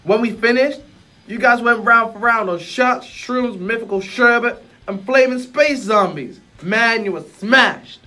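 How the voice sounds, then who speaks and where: A man's voice: extremely high pitch, measured pace, sharp tone, pitched above the performer's own voice, full character voice. A man voicing a laid-back, streetwise male genie, speaking in a put-on American accent with chummy slang, recording lines for a comedy. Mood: teasing. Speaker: voice actor.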